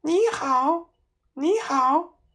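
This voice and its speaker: A shrill squawking parrot, as a woman puts it on. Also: extremely slow, fairly bright tone, heavily acted. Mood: chirpy. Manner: repetitive, squawking. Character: shrill chattering pet parrot repeating greetings.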